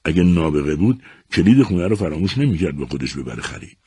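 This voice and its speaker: A man's voice: deep voice, sing-song, mellow, slight background noise. A man voicing an irritated homeowner in a storybook reading, scornful and dismissive.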